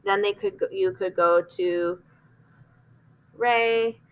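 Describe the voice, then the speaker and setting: A woman's voice: medium pitch, fairly even intonation, slow pace, a little hiss or hum, rough recording. A woman teacher explaining a classroom phonics activity step by step, with frequent ums and restarts. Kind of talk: instructional explanation.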